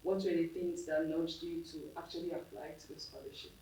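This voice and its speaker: A young woman from Nigeria leads a casual roundtable in a slightly low voice and speaks easily, with small fillers. She is heard from a distance in a very echoey room. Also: fairly quick. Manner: relaxed, conversational, with fillers. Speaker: roundtable moderator. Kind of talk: casual panel discussion. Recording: roomy, distant, faint background noise.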